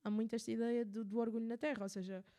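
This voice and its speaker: A woman's voice: on the high side, little pitch movement, fast, warm tone. A woman with a European Portuguese accent hosting a radio show, explaining a subject in a casual, thinking-aloud way with fillers and restarts. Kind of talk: casual spoken commentary.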